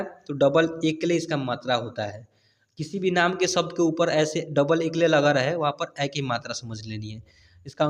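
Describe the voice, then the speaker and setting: A man gives a patient step-by-step lesson with a fairly high voice. He keeps checking that his pupils have understood. His voice rings with a long reverb. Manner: patient, repeats "clear?" checks. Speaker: teacher. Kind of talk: explaining spelling at a board.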